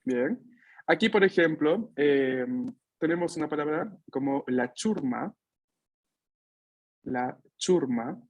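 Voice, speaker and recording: A man's voice: fairly high pitch, expressive, slow, pauses often, dull audio. A man teaching an online language class over a video call at home, patient and checking in often with his students. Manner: drills students with repeat-after-me. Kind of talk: online Italian lesson for Spanish speakers.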